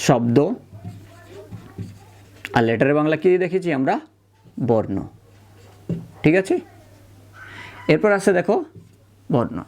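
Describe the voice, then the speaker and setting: A teacher leads an online grammar lesson at a middling pitch. The teacher poses questions and answers them, checks often that the class follows, and slows down to spell words out letter by letter. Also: darkish tone.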